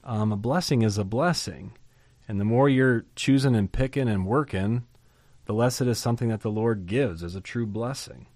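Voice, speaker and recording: A man teaching through a Bible chapter in a lively, conversational way, asking rhetorical questions and chuckling now and then. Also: on the low side, normal speed, no room sound, studio quality.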